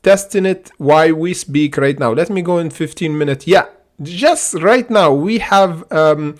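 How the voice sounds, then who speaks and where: An excitable man hosts a stock trading livestream, chatting casually over the charts. His voice sits on the high side and he takes his time, piling on fillers and repeating "okay?" often. Arabic is his first language.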